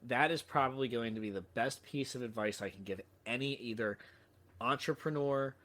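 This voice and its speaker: A sales trainer appears as a podcast guest, telling a story full of restarts, casual swearing and self-deprecating humor. He speaks at a normal pace in a medium-pitched, fairly bright voice.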